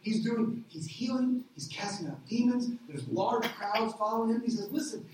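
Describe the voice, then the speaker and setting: A middle-aged man preaching a sermon as a pastor, animated, asking rhetorical questions and acting out little voices. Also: high-pitched, moderate pace. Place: church hall. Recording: echoey hall, distant mic.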